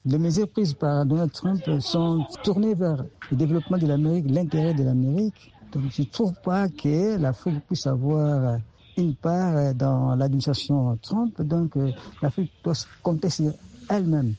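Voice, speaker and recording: Earnest male caller, raspy low-toned voice, restates points, muffled lo-fi audio. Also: moderate pace, dark tone. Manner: earnest, repeats and rephrases himself. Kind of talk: on-air opinion. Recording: dull lo-fi line.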